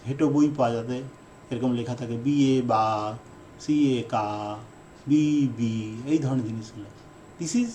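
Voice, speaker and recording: A man who is an English teacher giving a lesson, repeating his key definitions and speaking in slow, deliberate phrases with fillers. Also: mid-range voice, dark tone, a little hiss or hum. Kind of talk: explanatory lesson lecture.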